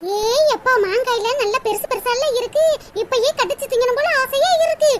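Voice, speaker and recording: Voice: very high-pitched, moderate pace. A performer voicing a bossy, greedy adult woman neighbour who chatters and orders others around in a cartoon. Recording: loud background hiss.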